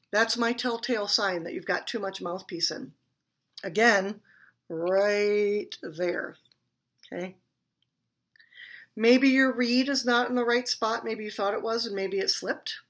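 A woman gives a beginner clarinet lesson with a bright, clear tone. Her delivery is friendly and chatty, and she laughs at her own slips as she demonstrates. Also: a little high, unhurried, pauses often. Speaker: clarinet teacher. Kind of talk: instructional demonstration.

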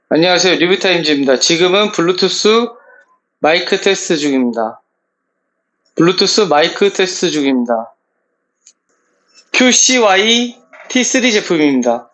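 A man's voice: sits high, a bit bright, rough recording. A middle-aged man presenting a product test in set, repeated announcing phrases, recorded on Bluetooth headset microphones. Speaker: product reviewer and host. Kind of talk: scripted-style product test presentation to camera. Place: plain small room indoors. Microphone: various Bluetooth earphone and neckband mics.

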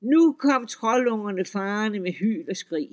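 High-voiced man telling a folk tale. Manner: lively, expressive storytelling. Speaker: storyteller. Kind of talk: audiobook reading of a Danish folk tale.

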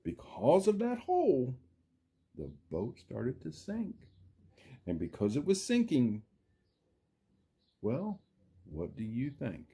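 A man voices a friendly green dinosaur puppet, an animated storytime reader, theatrically reading a children's storybook with asides to a school class. Husky and warm in full character voice, he draws out words and quizzes young listeners. His medium pitch swings hugely, with a slow pace and long pauses.

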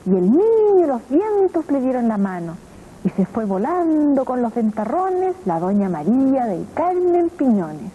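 A woman's voice: high voice, measured pace. Woman, children's storyteller, sing-song rhyming narration, faint hiss. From Chile. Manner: expressive, sing-song reading. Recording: lo-fi old TV tape audio.

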